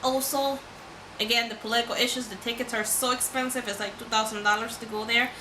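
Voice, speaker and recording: A woman from Venezuela chatting casually on a vlog, giggly and animated. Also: a little high, fast talker, reverberant, noisy background. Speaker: vlogger. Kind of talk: casual chat.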